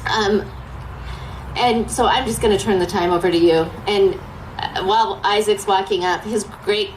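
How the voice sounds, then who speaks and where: A woman with a mid-pitched voice gives an informal ceremonial speech. Her voice echoes, with faint ambient noise behind it. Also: steady tone, moderate pace. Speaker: event speaker introducing donors.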